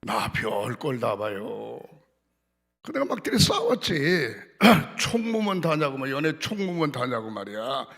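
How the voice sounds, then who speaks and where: A man's voice: medium pitch, a little slow, gravelly. Older man preaching in blunt folksy tones. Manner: colloquial and lively. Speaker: pastor. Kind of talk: sermon. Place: church sanctuary.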